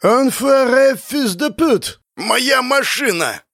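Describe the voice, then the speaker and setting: A man voicing a hot-headed young male driver, yelling and cursing. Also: very high-pitched, expressive, slow pace, no echo, clean studio sound, voice pushed up, full character voice. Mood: furious.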